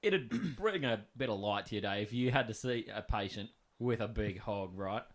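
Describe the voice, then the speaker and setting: A man's voice: fairly low pitch, lively intonation, normal speed. A man co-hosting a podcast, trading crude jokes in casual banter. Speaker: podcast co-host.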